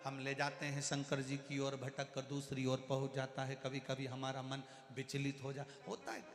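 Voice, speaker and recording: A male preacher from Madhya Pradesh telling a folksy devotional story in an animated way at a live gathering. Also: medium pitch, normal speed, faint music behind. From Madhya Pradesh, India. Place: large hall at a live religious gathering. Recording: echoey hall with long reverb.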